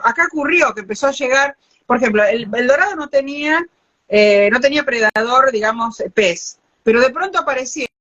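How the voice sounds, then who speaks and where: The sound is lo-fi as this older Argentine woman, speaking in Rioplatense Spanish with a fairly high voice, hosts a live interview over video call. A biologist, she tells stories animatedly in casual chat, restarting often.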